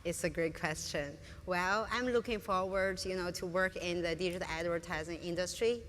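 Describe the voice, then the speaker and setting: A woman from northern China, appearing as a student guest, answers interview questions on stage with eager, non-native phrasing and a Chinese accent. Her voice is fairly low and fairly bright, evenly intoned and moderately paced, echoing through a large conference hall with faint room noise.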